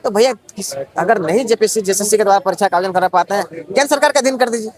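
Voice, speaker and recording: In a street interview, a young man from Jharkhand who is an exam candidate talks fast in a very high voice. He stacks up one indignant rhetorical question after another.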